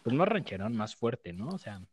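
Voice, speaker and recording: Recording remotely, away from his co-host, this Mexico City man trades slang-heavy, filler-laden comedic banter on a podcast. His medium-pitched voice is husky, swings widely in pitch, and keeps a moderate pace with no echo.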